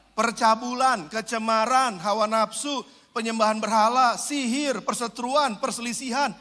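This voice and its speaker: A high, bright-voiced male pastor preaches in an animated, joking way. He drops from loud preaching into low asides, and his voice rings out with the long echo of a large church hall. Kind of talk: sermon.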